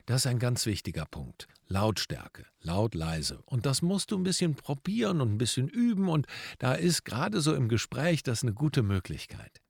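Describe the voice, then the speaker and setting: A man hosting a coaching podcast, talking straight to the listener with emphatic stress and shifts between loud and soft. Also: medium pitch, sing-song, moderate pace, gravelly, breathy edge, no echo, clean studio sound. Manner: addresses listener directly, emphatic, shifts loudness to demonstrate. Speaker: podcast host and professional speaker.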